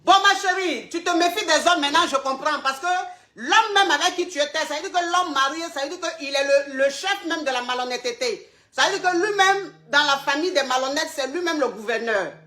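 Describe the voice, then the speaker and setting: A woman hosts a live advice call, speaking bluntly, repeating herself, and calling the caller "ma chérie." Her high voice is brisk, pushed, and bright.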